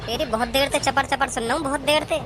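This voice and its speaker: A woman's voice: high voice, steady tone, fast talker, over loud music, lightly acted. A woman playing a rude, threatening male train regular in a comedy sketch. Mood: menacing. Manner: abusive, threatening.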